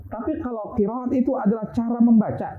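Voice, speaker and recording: A man's voice: extremely high pitch, fairly even intonation, quick pace. Man teaching over a tinny line. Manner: casual explanatory, many fillers and rhetorical questions. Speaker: Islamic studies teacher. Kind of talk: religious lecture on Quran sciences.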